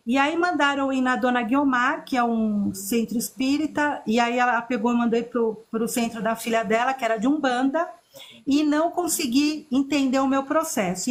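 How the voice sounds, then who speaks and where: A woman, a podcast guest telling her personal story in an earnest, unhurried way. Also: a little high. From Chile. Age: 50s.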